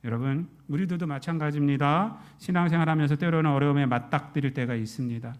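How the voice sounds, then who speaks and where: A man preaching a Sunday sermon as pastor, questioning his congregation and swinging between loud emphatic peaks and soft low asides. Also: fairly even intonation, fast.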